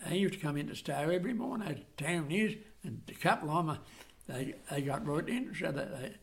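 An elderly man speaks in a broad Suffolk accent, his voice a little on the high side. He chats casually and haltingly, wandering through his recollections in homely rural dialect. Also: lively intonation, vocal fry. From Suffolk, England. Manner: rambling, halting, rustic dialect turns of phrase. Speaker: care home resident being interviewed. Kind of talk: casual reminiscing chat.

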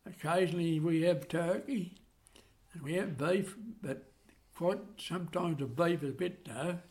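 An elderly man with a broad Suffolk accent, chatting casually in a halting, rambling way with rustic dialect turns of phrase. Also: fairly high pitch, a little mellow. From Suffolk, England. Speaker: care home resident being interviewed. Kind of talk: casual reminiscing chat.

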